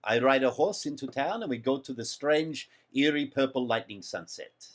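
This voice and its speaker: Male tabletop player, mid voice, measured and musing. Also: mid-range voice, expressive. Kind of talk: tabletop game chat.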